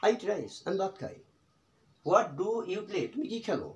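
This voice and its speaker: Man teaching slowly in an echoey room. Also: sits high, sing-song. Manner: slow repetitive drilling of example phrases. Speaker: English teacher. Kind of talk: spoken English lesson in Bengali.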